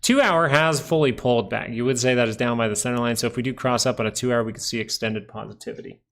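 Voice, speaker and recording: A man's voice: medium pitch, quick pace, a bit bright. A man hosting a live stock market stream, casually talking through charts and thinking aloud as he goes. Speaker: stock market livestream host.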